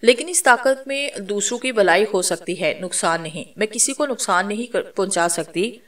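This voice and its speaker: A bold, defiant young woman with spiritual powers, read by a woman narrator in a storybook drama. Her voice sits in an ordinary middle pitch and sounds set back from the microphone. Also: moderate pace, a bit bright, distant mic, close to an everyday voice.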